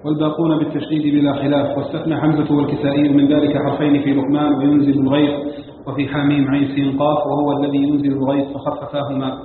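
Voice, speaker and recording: A man reading a scholarly text aloud as a student, rattling off long lists in a monotone. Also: a little high, rapid-fire, slight background noise. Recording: tinny, distant, reverberant lo-fi recording.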